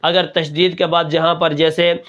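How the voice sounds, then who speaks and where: High-voiced male Quran reading teacher. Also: little pitch movement, muffled recording. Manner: explains step by step, spells syllables slowly and loudly, asks rhetorical questions. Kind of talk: spoken lesson on Quran spelling.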